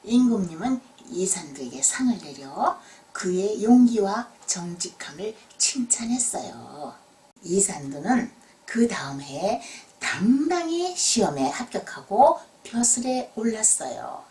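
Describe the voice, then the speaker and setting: A woman telling a children's fairy tale in gentle, explanatory narration with dramatic emphasis. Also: medium pitch, very animated, a little slow, far from the mic. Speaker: children's storyteller.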